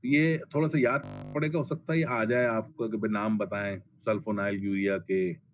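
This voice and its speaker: A man's voice: on the low side, fairly even intonation, moderate pace. A man giving a pharmacology lecture, blunt and colloquial, repeating drug names for emphasis. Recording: dull lo-fi classroom recording, faint noise.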